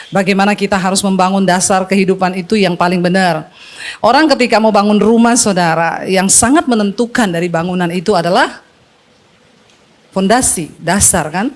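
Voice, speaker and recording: A middle-aged woman pastor preaching a sermon to a congregation, exhorting them with rhetorical questions and rising emphasis. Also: medium pitch.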